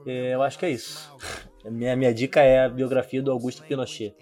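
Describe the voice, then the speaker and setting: A man's voice: mid-range voice, little pitch movement, fast, a little mellow. A man with a Brazilian Portuguese accent talking casually as a podcast co-host.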